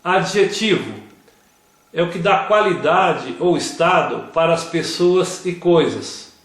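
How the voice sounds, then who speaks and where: A man giving a slow scripted grammar lesson, reading word examples one at a time. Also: fairly high pitch, lively intonation. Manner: reads word lists one by one. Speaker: grammar teacher. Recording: very echoey room.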